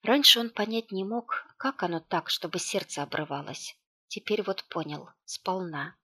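A woman reading an audiobook aloud, with a hushed, tense delivery and light character voicing. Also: medium pitch, lively intonation, moderate pace, breathy edge. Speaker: audiobook narrator.

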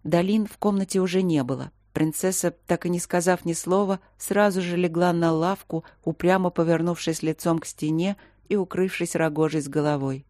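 A woman narrating a fantasy audiobook in measured, expressive storytelling. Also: on the low side, dry recording, clean studio sound. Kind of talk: scripted narration.

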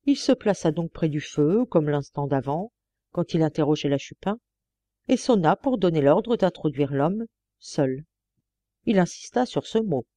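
A woman reading a classic novel aloud as an audiobook narrator, measured and expressive. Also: sits low, no echo. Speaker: audiobook reader. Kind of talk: scripted narration.

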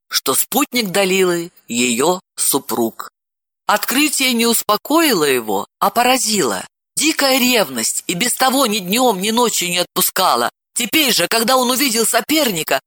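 A man narrating an audiobook with an expressive, dramatic reading. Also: high voice, no room sound, studio quality.

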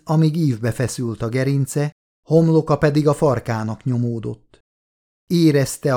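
A man narrating a horror audiobook in a measured, steady reading voice. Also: medium pitch.

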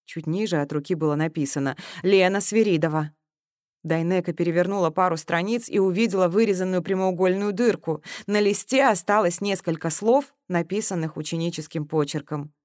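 A woman's voice: lowish voice, a little fast, hardly any pauses, a little mellow, no echo, clean studio sound. Woman reading an audiobook. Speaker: audiobook reader. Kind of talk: scripted audiobook narration.

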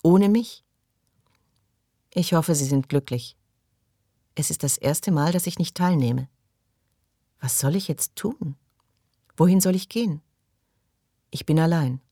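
Audiobook figure: anxious young woman, higher and tearful, read by a man. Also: unhurried, long pauses, mellow, no echo, clean studio sound. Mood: anxious, forlorn. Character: distraught young woman, lonely and frightened.

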